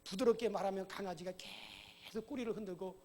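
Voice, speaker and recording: A man preaching a sermon as pastor to his congregation in a church, often checking in with a quick "eh?" and rising into loud commands. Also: sits high, very animated. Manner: asks the congregation "어?" often, shouts commands at Satan. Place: church sanctuary. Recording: long church hall reverb.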